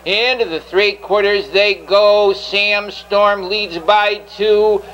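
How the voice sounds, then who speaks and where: A man's voice: high voice, fairly even intonation, slow pace, fairly bright tone, dull audio. A man calling a live horse race, announcing running positions in clipped race-caller phrases.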